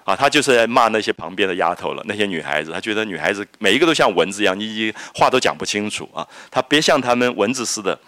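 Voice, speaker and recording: A man's voice: on the low side, animated, fast, hardly any pauses, fairly bright tone, dry recording. A middle-aged man, lecturing on a classic novel, reading passages aloud and then explaining them. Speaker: literature lecturer.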